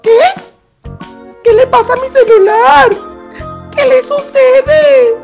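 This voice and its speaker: A vain little girl doll squeals and begs in a very high, piercing voice with a Mexican lilt. Her pleas come out in whiny bursts. Music plays under her. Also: fairly even intonation, slow, gravelly, a little mellow, heavily acted. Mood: panicked. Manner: squealing, pleading, tearful. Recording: music playing behind.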